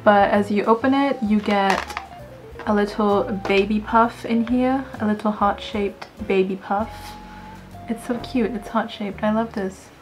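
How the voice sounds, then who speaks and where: Woman, beauty vlogger, chatty and jokey, mid-pitched voice, faint music underneath. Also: steady tone, unhurried. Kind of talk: casual product review to camera.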